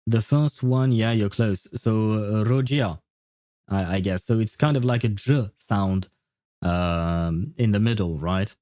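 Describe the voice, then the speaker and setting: A livestreamer chats casually with his viewers, answering them in a rambling, hesitant way. His voice sits on the low side, mellow and a little slow, captured in a dry, clean studio recording.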